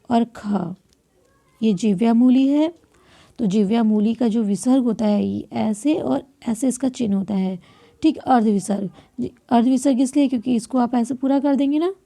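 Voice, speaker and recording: A woman teaching a grammar lesson step by step, posing questions and answering them herself, often clearing her throat and correcting herself. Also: on the high side, dark tone.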